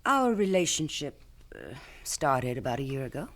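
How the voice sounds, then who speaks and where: A woman's voice: a bass voice, very animated, moderate pace, fairly bright tone, exaggerated voice. An actress playing the nervous mistress of a murdered man in a 1970s radio drama, answering in a guarded way.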